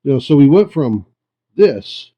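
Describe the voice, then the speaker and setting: A man giving a folksy, unhurried hands-on demonstration, thinking aloud, his voice muffled by a camera microphone. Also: mid-range voice, very animated. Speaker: host of a rock tumbling hobby channel. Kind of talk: casual hands-on demonstration talk. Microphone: camera's built-in microphone.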